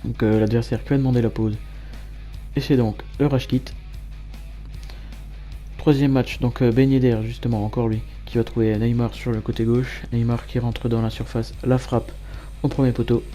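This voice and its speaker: A man giving matter-of-fact play-by-play commentary as a gamer over his own match highlights. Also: flat delivery, normal speed, mellow, soft background music. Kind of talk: gameplay commentary.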